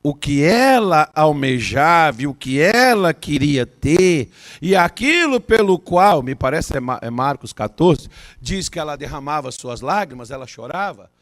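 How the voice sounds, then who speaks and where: A man preaching a sermon as pastor, telling a counseling story and building to loud, fervent peaks. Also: fairly high pitch, sing-song, a little slow, no echo, studio quality. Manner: acts out both sides of a counseling story.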